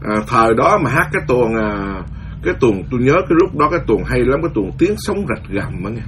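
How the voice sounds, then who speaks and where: A Buddhist monk giving a lively storytelling sermon, acting out the voices of the people in his story. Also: mid-range voice, brisk, noisy background. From Vietnam. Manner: animated, acts out quoted voices, laughs at his own story. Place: lives in the US, speaking to followers.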